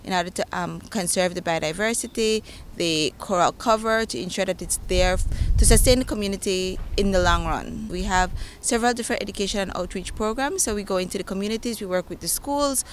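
Female interviewee, 30s, mid pitch. Measured, halting explanations, outdoor mic with faint noise. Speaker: marine reserve manager being interviewed. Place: outdoors by open water. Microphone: handheld interview microphone.

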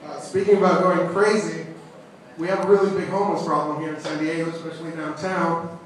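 A young man with a high-pitched voice performs amateur stand-up with audible stage fright. He starts hesitantly and sounds nervous. The recording is very echoey and distant, as if captured from the seats of a club. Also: level tone, a little fast. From California. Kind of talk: stand-up comedy at an open mic. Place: small comedy club room with seated audience.

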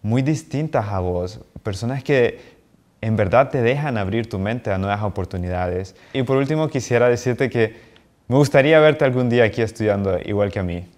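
A man's voice: medium pitch, moderate pace. A young man from Honduras, an international university student giving an earnest, friendly testimonial to camera in a small office. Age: young adult. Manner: earnest, friendly, animated with hand gestures. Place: small bright office indoors.

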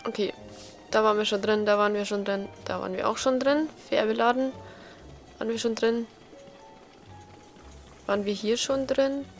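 A woman's voice: a little high, fairly even intonation, normal speed, pauses often. A woman giving casual, playful gameplay commentary, chatting and thinking aloud as a let's player. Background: game music.

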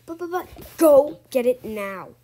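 A harsh, bossy babysitter snaps out threats and orders in a loud, high voice, as a woman puts her on. She talks slowly and pushes every command hard. A faint hiss sits under the sound. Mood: angry. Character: strict mean female babysitter, bossy and harsh.

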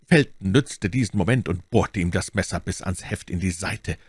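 A man narrating a classic novel as an audiobook in a measured storytelling manner. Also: low voice, slightly rough, no room sound.

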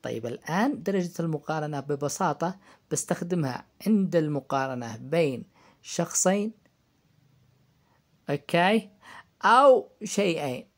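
A man's voice: fairly high pitch, expressive, normal speed, long pauses, darkish tone. Man teaching English grammar. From Yemen. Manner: asks the class questions and answers them himself; repeats key terms for emphasis. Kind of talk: grammar lesson for high-school students.

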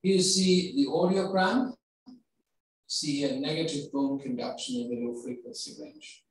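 A middle-aged man with a German accent delivers a medical lecture from a distance in a very echoey hall. His voice sits a little high for a man. He explains step by step and keeps turning to the audience with questions. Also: lively intonation, unhurried, slight background noise. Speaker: neurology professor giving a lecture.

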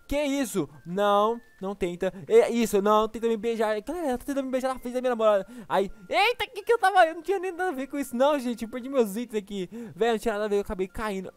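A man with a Brazilian accent giving excited, exclaiming gameplay commentary as a gaming YouTuber. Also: high voice, fast talker, few pauses, clear, resonant tone, soft background music. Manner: excitable, exclaiming, laughs often.

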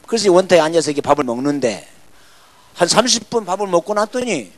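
A man's voice: high-pitched, fast talker. Folksy older male revival preacher. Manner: folksy, lively storytelling, voices the people he quotes. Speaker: revival pastor. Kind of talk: sermon testimony with acted dialogue.

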